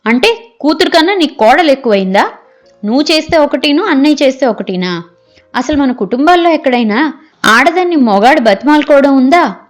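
A woman puts on a scheming younger sister in an audiobook, pitched up and shrill. She argues back sharply and indignantly, with a faint trace of music in the background. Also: expressive, fairly quick.

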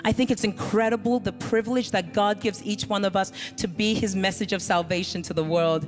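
A middle-aged woman pastor preaches fairly quickly in a mid-range voice with fairly even intonation, stressing her points earnestly. She holds a handheld mic on a large church stage backed by a band, and the recording has hall reverb and music.

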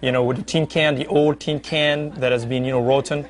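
Man doctor, hesitant, lots of fillers, mid pitch. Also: flat delivery, brisk. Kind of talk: explaining a procedure on TV.

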